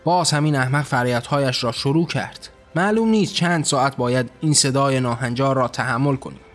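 A man's voice: mid-range voice, soft background music, natural voice. A man voicing a weary, mocking male angel who grumbles sarcastically in a storybook reading. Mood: grumbling.

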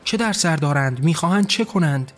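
A man voicing a furious, frightened male god who rules as a tyrant and shouts commands. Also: a little high, animated, soft background music, close to an everyday voice. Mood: raging.

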